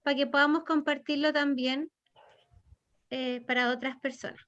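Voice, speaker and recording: Una mujer de voz aguda y clara conduce una clase en línea con tono relajado y cercano. El sonido es de videollamada, opaco y sin eco. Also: female voice, sits high, level tone, moderate pace, a bit bright, no room sound. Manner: chatty, informal. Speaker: course organizer, moderator. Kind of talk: online class moderation. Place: video call. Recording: dull, dry video-call audio.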